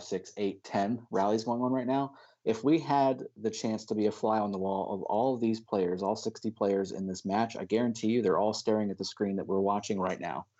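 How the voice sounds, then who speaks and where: Low, mellow male esports caster. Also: lo-fi sound. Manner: chatty, analytical, laughs easily. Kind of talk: play-by-play esports commentary.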